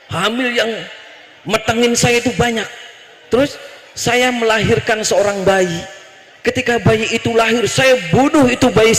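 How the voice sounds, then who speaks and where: A man's voice: high voice, fairly bright tone. A preacher voicing a tearful sinful woman. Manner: pleading, tearful. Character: sinful weeping woman begging a prophet. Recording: echoey hall reverb.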